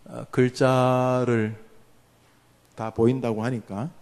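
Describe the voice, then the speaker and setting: A man's voice: mid-range voice, level tone, slow pace, a little mellow. A man preaching as a pastor, blessing the congregation's children and leading them through a long list of names to pray over. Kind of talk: sermon and congregational prayer. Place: church sanctuary. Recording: long church hall reverb.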